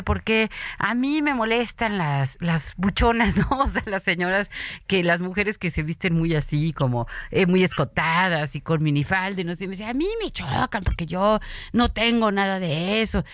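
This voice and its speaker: A woman's voice: on the low side, dry recording, clean studio sound. A woman, a psychoanalyst and teacher, explaining ideas through anecdotes and often asking "¿no?". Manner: anecdotal, with many "¿no?" tags. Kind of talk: casual discussion.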